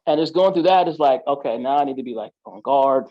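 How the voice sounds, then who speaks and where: A man's voice: medium pitch, expressive, fast, dry recording, highs cut off. A man, a podcast guest, telling his own story in casual street slang, full of "like" and "you know".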